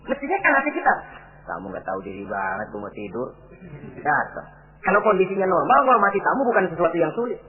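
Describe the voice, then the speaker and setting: High-pitched preacher on tinny tape. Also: male voice. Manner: animated, acts out quoted voices. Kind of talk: sermon. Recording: tinny lo-fi old recording.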